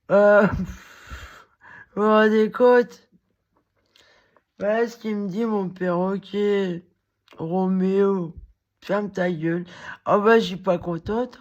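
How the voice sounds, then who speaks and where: A woman with a cracked, hoarse voice, rambling in a halting monologue to the camera, full of fillers and restarts. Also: medium pitch, lo-fi sound. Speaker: vlogger.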